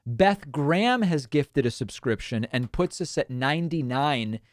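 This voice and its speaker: An American man chats casually as a livestream host and commentator. His voice sits at a medium pitch, in a very dry recording with no room sound. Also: lively intonation, unhurried, no echo. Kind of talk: casual live stream chat and commentary.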